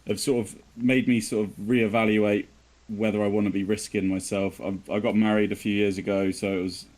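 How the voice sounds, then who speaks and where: A man's voice: fairly low pitch, flat delivery, a little fast, a little mellow, low-quality recording. A man with an English West Country accent chatting casually, informal and a little hesitant as he talks about himself. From southwest of England. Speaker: podcast guest. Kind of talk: casual chat.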